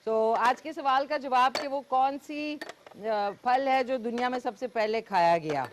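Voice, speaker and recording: A woman's voice: fairly high pitch, a little slow. Pakistani woman cooking-show host, chatty demo style, faint background hiss. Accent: Pakistani Urdu. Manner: chatty, talks while cooking, frequent fillers. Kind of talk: live cooking demonstration with callers.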